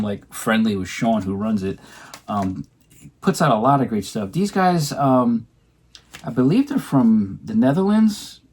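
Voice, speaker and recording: A man's voice: medium pitch, darkish tone, breathy edge. A man co-hosting at home, chatting casually about records he bought, rambling with many ums and restarts. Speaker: co-host showing his record purchases. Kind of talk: casual chat.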